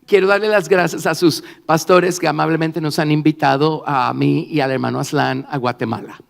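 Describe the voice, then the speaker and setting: A man's voice: a little high, steady tone, moderate pace, creaky. A man speaking in church as an interpreter, in the style of prayer and sermon. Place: large church hall. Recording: reverberant church hall, faint music.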